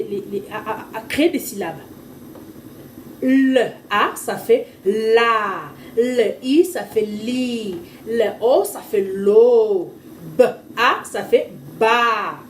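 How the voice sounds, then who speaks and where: A woman's voice: high-pitched, darkish tone, a little hiss or hum. Woman sounding out syllables, echoey room. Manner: sounds out letters and syllables slowly and deliberately. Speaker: parent teaching her child to read. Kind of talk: informal home tutorial. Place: at home with a small child nearby. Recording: echoey room, mic far off, faint ambience.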